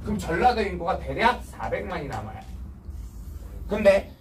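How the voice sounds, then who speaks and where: A man's voice: high-pitched, sing-song, moderate pace, far from the mic, slight background noise, poor audio. Blunt man teaching with quiz questions. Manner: blunt, slangy, quizzes students often. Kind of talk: casual history lecture.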